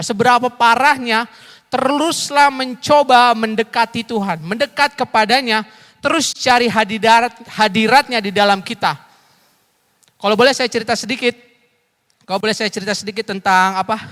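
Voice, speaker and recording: A man's voice: high voice, sharp tone. A man in his thirties preaching as an evangelist in a church service, chatty and joking, calling out questions to the congregation. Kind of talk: lively interactive sermon. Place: church sanctuary during a service. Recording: live church hall reverb.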